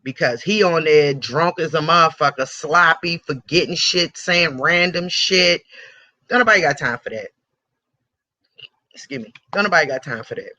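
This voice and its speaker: Heated, profane radio host ranting. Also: male voice, fairly high pitch, lively intonation, moderate pace, bright, forceful tone, no echo. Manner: blunt, profane and heated, with repeated phrases. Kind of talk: ranting celebrity commentary. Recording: dull lo-fi recording.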